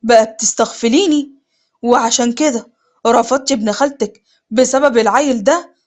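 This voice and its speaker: امرأة تؤدي دور أخ كبير صارم وغاضب، بلهجة مصرية ونبرة قاسية. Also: female voice, fairly high pitch, moderate pace, lightly acted. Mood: furious. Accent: Egyptian. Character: angry strict older brother.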